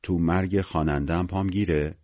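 A man's voice: low-pitched, fairly even intonation, a little mellow, no echo, dull audio. A man voicing a bewildered, timid writer in an audiobook, asking hesitant questions. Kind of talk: audiobook character voice.

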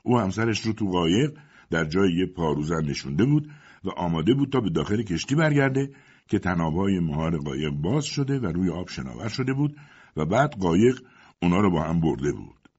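A man with a very low, husky voice narrates a story in the first person. He reads in a steady storytelling delivery. The recording sounds dull and lo-fi. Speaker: audiobook narrator.

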